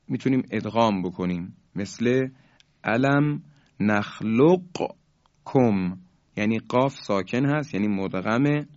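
A man giving a calm radio lesson on recitation rules, stretching the example words out slowly. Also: lowish voice, dry recording, muffled recording. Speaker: Quran recitation teacher on radio.

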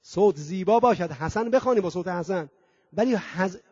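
A man's voice: high voice, expressive, darkish tone, slightly rough, no echo. A man preaching at a mourning gathering, chanting scripture in a singing tone between rhetorical questions and long emphatic lists. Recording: dull dry lo-fi recording.

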